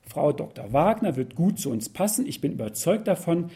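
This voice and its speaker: A courteous, formal male manager in a spoken story, as a man plays him. He talks with measured politeness and a lively lilt. The tone is mellow. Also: on the high side, gravelly, breathy edge, heavily acted.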